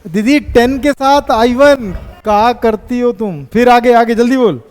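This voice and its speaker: A man teaching a physics class, teasing his students and pushing them to answer quickly. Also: very high voice, a little mellow, in a large hall.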